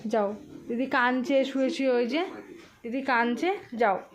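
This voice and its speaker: A woman's voice: sits high, moderate pace. A woman, a mother scolding her young daughter at home in a firm, coaxing, repetitive way, with mild threats. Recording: loud music over the voice.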